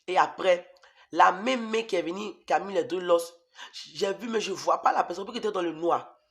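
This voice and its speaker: A man's voice: high-pitched, normal speed, gravelly. A man preaching an emotional testimony sermon, repeating phrases emphatically and addressing his listeners as beloved.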